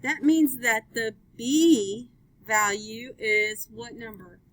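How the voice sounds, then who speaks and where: Upbeat woman teacher, slow and quizzing. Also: fairly high pitch, poor audio. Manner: upbeat, quizzing students with questions. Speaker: math teacher. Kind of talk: live classroom lesson.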